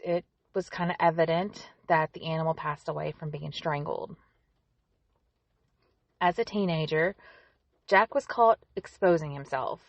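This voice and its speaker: A woman's voice: on the low side, gravelly, no echo, muffled recording. A woman hosting a true-crime podcast, narrating a scripted story with conversational asides to the listener.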